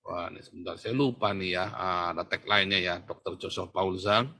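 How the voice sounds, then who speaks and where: A man preaching with a husky, slightly breathy voice. He delivers a provocative sermon in a mocking tone and keeps calling out to his listeners directly. His delivery swings between sudden loud bursts and quiet, muttered asides. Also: steady tone, normal speed. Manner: constantly addresses listeners as brothers; leaps between shouting and low murmurs. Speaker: pastor.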